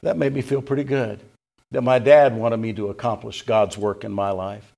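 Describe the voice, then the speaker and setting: Gravelly older male pastor preaching. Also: on the low side, fairly even intonation, normal speed. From Tennessee, USA. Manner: emphatic preaching with swings from loud to hushed; quotes scripture in old-fashioned wording. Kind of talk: sermon.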